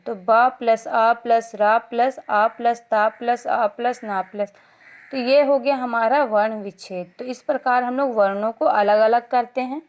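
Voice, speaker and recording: A woman teacher with a fairly high voice walks her class through a grammar lesson. She explains each point patiently and draws out sounds and letters slowly so pupils can follow. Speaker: school Hindi teacher.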